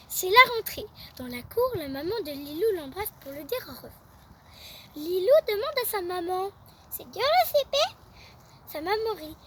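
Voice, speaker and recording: A young woman reading a children's bedtime story aloud, with a lively read-aloud manner. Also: extremely high pitch, distant mic, slight background noise.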